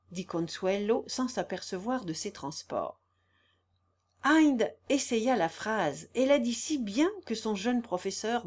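A woman reading a novel aloud as an audiobook narrator, in a measured storytelling manner. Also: a little high, darkish tone.

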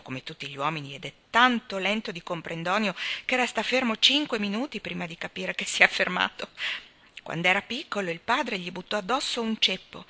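A woman reading an audiobook, voicing a blunt, opinionated older spinster who scorns men. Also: medium pitch. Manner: tart, opinionated, sharp-tongued.

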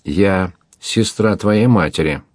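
A man voicing a gentle middle-aged woman in an adventure audiobook, speaking softly and tenderly. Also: low-pitched, slow, no room sound, studio quality. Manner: soft, tender. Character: gentle pale woman, the hero's aunt.

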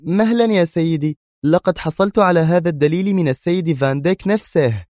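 Male reader doing a brisk, sharp-tongued woman professor in a storybook, voice pitched high, dry close sound. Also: dry recording, lightly acted. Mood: tense. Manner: tense, urgent, cutting. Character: flustered but sharp Egyptian woman history professor.

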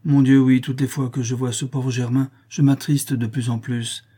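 Male reader doing a plaintive young Parisian working girl, mellow and husky. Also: little pitch movement, normal speed, lightly acted. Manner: tender, plaintive, lifting into a higher voice. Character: young working Parisian woman, sweet and worried. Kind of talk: audiobook character reading.

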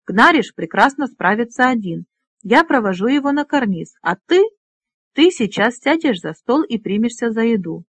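A woman voicing a spirited, bossy young woman who leads dragonriders, talking briskly and teasing. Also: a little high, animated, dry recording, voice pushed up. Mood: commanding.

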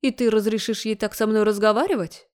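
A woman's voice: medium pitch, fairly quick, a little mellow, natural voice. A woman voicing a domineering, indignant middle-aged woman in an audiobook. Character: loud bossy overbearing middle-aged woman. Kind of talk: audiobook character voice.

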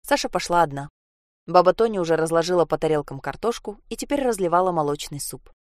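A woman narrating a story in an even, measured reading. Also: on the low side, dry recording, clean studio sound.

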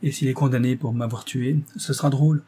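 A man reading the part of a proud, impetuous young woman who speaks in sharp, commanding bursts. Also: mid-range voice, fairly even intonation, a little fast, breathy edge, natural voice. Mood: impatient.

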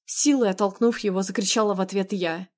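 A woman narrates an audiobook in the first person. Her reading is expressive and dramatic, at a medium pitch. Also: moderate pace.

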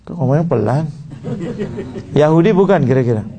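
A man preaching a sermon, asking his audience questions and swinging between high exclaims and low murmurs. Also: animated, normal speed, crowd noise.

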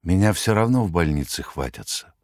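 A man voicing a tired, gentle male writer in an audiobook. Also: deep voice, expressive, a little fast, no echo, studio quality. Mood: hesitant. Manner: quiet and tired. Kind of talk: audiobook reading.

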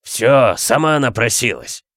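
Man doing a gruff, boorish, bad-tempered man, barking, dry. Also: medium pitch, moderate pace, fairly bright tone, dry recording, lightly acted. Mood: rude, angry.

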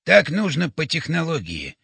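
A man voicing a gruff older father figure in an audiobook, calling out urgent orders. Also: fairly high pitch, huge pitch swings, normal speed, a bit bright, dry recording, heavily acted. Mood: abashed. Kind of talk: audiobook character voice.

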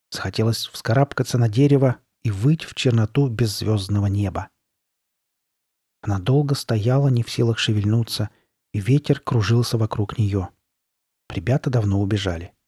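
Male narrator, dark warm tone, horror story reading, deliberate dramatic pauses, mid-range voice. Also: mid-range voice, husky, no echo, clean studio sound. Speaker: audiobook narrator.

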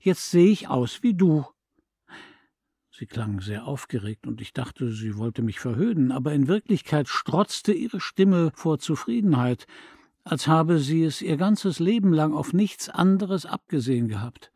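A man reading a literary story aloud in a calm, measured, reflective way. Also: fairly high pitch, husky, dry recording. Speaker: audiobook reader. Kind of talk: scripted narration. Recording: dry close studio recording.

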